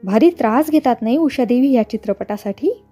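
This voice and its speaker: A woman reading aloud, voicing a fawning middle-aged male film company boss who flatters the actress. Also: extremely high pitch, moderate pace, breathy edge, soft background music, exaggerated voice.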